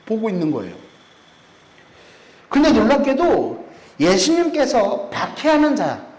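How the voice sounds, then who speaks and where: A man's voice: very high voice, darkish tone. A man preaching a sermon in a church, often putting rhetorical questions to the congregation. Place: church sanctuary. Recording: echoey church room.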